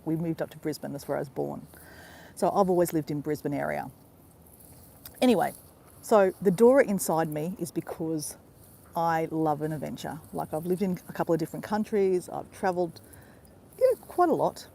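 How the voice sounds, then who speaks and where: A woman's voice: sits low, gravelly, mellow, a little hiss or hum. Chatty Australian woman vlogging outdoors. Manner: chatty, addresses viewers as guys constantly. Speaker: travel vlogger. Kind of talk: casual live-stream chat. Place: outdoors in a park by a river.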